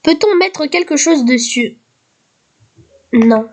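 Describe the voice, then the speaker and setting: Slightly hoarse high-voiced woman, slow. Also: expressive. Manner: reads quiz questions aloud slowly, then answers casually. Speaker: youtuber. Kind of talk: casual gaming commentary.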